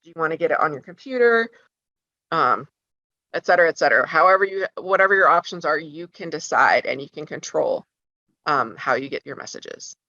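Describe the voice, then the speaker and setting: In an instructional walkthrough for parents on school apps, a woman talks casually, often saying um and restarting. Her low voice is animated, a little fast, pushed and bright, with no room sound and a slightly dull lo-fi recording.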